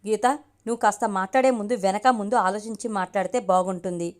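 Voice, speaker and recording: An earnest, gentle young man, as a woman reading the story puts him on. He reasons in a soothing, pleading way in an audiobook. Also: mid-range voice, fairly even intonation, a little fast, natural voice.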